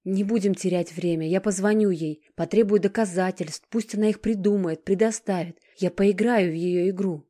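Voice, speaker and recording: An anxious but determined young woman from an audiobook, pressing her point insistently, as a woman narrator voices her. The voice is low and mellow. She speaks up with rising force. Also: level tone, moderate pace, hardly any pauses.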